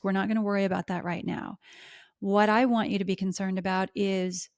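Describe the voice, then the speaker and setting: A middle-aged woman hosting a podcast, talking smoothly and melodically as she coaches listeners through exercises. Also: medium pitch, a little mellow, dry recording, studio quality. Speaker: podcast host. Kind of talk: instructional podcast talk.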